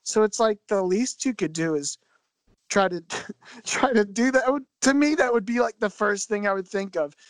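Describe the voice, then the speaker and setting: A man's voice: high-pitched, moderate pace, no echo. A young man from Philadelphia, a guest on a podcast, chatting casually in a rambling, self-deprecating way and laughing often. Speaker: podcast guest, album designer. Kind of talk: casual chat.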